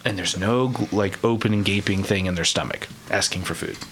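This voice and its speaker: A man's voice: low-pitched, a little fast, a bit bright, a little hiss or hum. A man running a tabletop role-playing game, casually describing a creature and the scene. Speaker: game master.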